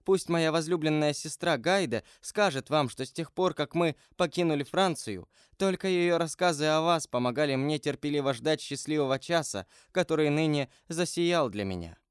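A male narrator lifts his voice to play a tender young woman in an audiobook, earnest and pleading. The voice sits well above his own and stays smooth and clean. The recording is close and dry. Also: sits low, moderate pace, few pauses, no room sound, pitched above the performer's own voice, lightly acted. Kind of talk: audiobook character voice.

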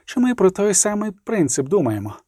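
A man voicing an elf who speaks in a slow, ironic drawl. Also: high voice, sing-song, dark tone, no room sound, clean studio sound, pitched above the performer's own voice.

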